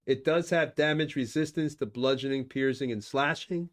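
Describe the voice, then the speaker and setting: Running a tabletop game, a mid-range-voiced man speaks at normal speed as he narrates fights and decides on dice rolls. It's casual game-master talk, loose and peppered with "you know."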